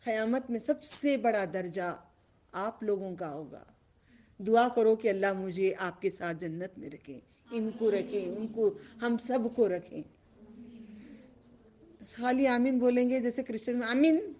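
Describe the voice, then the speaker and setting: A religious teacher with a slightly high, somewhat mellow voice gives a lesson to children. She questions the class and draws out repeated phrases.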